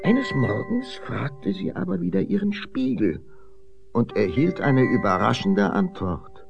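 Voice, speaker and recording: Casting: male storyteller, unhurried fairy-tale reading, gravelly timbre, faint music behind. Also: medium pitch, highs cut off. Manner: expressive, sweeping storytelling.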